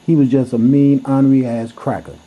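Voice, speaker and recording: A man's voice: mid-range voice, little pitch movement, a little fast, dark tone. A man telling a story to camera in a blunt, heated way, cursing freely as he goes. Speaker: vlogger. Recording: dull lo-fi recording.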